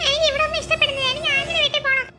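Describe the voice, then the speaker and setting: A woman's voice: extremely high pitch, flat delivery, rapid-fire, loud music behind the voice. A woman voicing a stubborn, sulky little girl in a cartoon, whiny and defiant.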